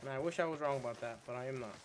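A man's voice: medium pitch, very fast, a little hiss or hum. A man chatting casually and profanely while streaming a game, rambling and laughing often. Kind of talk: casual gaming stream chat.

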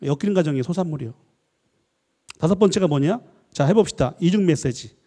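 Animated high-voiced man lecturing in a hall. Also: brisk, breathy edge. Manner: animated, jokey, asks the audience questions. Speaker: professor giving a lecture. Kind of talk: lively church lecture. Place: church hall. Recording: echoey hall with long reverb.

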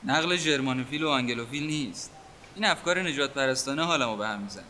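A principled, indignant man of letters, played by an actor with a tense, forceful tone at a mid pitch. He argues firmly and earnestly. Faint clicks sit in the background. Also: slight background noise, natural voice. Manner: firm, earnest. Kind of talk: period TV drama acting.

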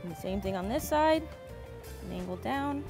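A woman's voice: medium pitch, lively intonation, normal speed, gravelly, music in the background. A young woman hosting a fishing and cooking vlog, enthusiastically explaining each step as she fillets fish and makes sushi. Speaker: fishing and cooking channel host.

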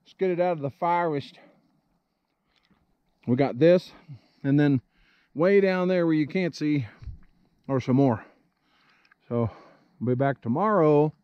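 A fairly high-voiced man talks casually to his camera while working outdoors in a forest clearing. His delivery is plain-spoken and joking, like an easygoing vlog host. The audio is dry and a bit dull, as if captured by a small handheld camera. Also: measured pace, pauses often, no room sound.

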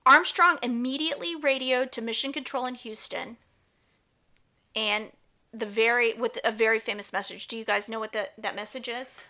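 A woman's voice: a little high, normal speed, sharp tone. A woman hosting an educational podcast for children, telling history informally and prompting with questions. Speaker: podcast host teaching children.

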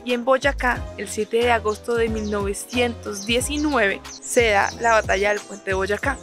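Touring a small town and the countryside outdoors, a young travel vlogger and Spanish teacher chats to viewers about a grammar point. Her voice is a little high and a bit bright, at normal speed, with music playing underneath.

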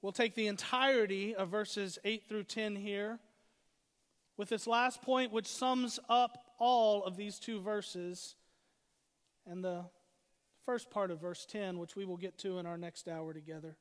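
A man with a fairly high voice delivers a sermon as pastor. He stacks short, punchy phrases to drive his points home. His voice rings out with a long reverb, as in a large hall. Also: fairly even intonation, unhurried. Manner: preaching with emphatic repetition and rising emphasis.

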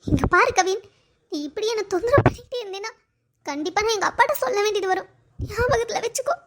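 A woman's voice: extremely high pitch, normal speed. A woman voicing a young woman in a cartoon story who scolds and warns off a harasser sharply. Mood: warning.

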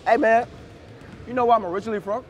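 A teenage basketball player from Tennessee wearing a body mic, joking and singing rap lines to himself while warming up in an indoor gym. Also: male voice, very high voice, fairly even intonation, fast, highs cut off, crowd noise. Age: teens. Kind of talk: casual banter while warming up. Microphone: body-worn mic. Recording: crowded gym noise around the mic. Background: players chatting, balls bouncing.

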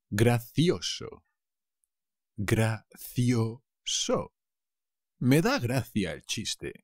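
A man's voice: fairly low pitch, dry recording, studio quality. A man from Spain with a Castilian accent, teaching vocabulary in a playful way and repeating each word twice. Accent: Castilian Spanish. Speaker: language teacher. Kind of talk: vocabulary lesson, repeating words slowly.

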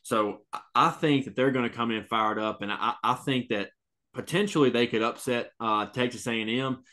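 Here a man with a medium-pitched, sharp-toned voice talks at an ordinary pace as a college football podcast co-host. He makes his points emphatically in casual sports talk, repeating words and saying "man" frequently.

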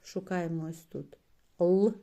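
A woman's voice: on the low side, fairly even intonation, slow, dark tone, muffled recording. A woman teacher giving a patient one-on-one reading lesson to a child, coaxing and praising often and stretching out letter sounds.

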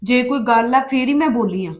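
A woman's voice: on the high side, lightly acted. An actress playing a defiant young unmarried daughter who argues sharply with her mother. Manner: defiant, quick arguing. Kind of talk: Punjabi family drama acting.

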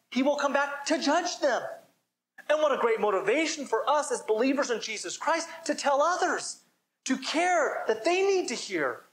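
A man's voice: extremely high pitch, fairly bright tone, rough recording. A man preaching a sermon as pastor, emphatic and calling for responses from the congregation.

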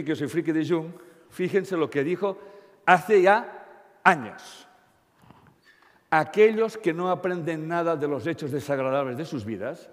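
A man giving a live talk, blunt and joking, often asking the audience questions. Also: fairly high pitch. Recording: long hall reverb.

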